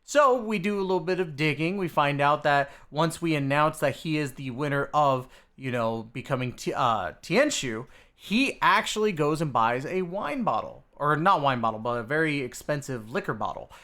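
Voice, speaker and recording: Speaking straight to his viewers, this male host runs through a game's storyline in a loose, informal way, calling them "dudes" and "guys." His voice is fairly high and bright, with lively intonation, a normal speed and few pauses.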